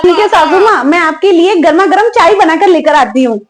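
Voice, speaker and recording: A woman voicing a lazy, cheeky young daughter-in-law who talks back quickly and chattily in a comic family sketch. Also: extremely high pitch, lively intonation, background noise. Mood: chatty. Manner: quick, chatty, giggly backtalk.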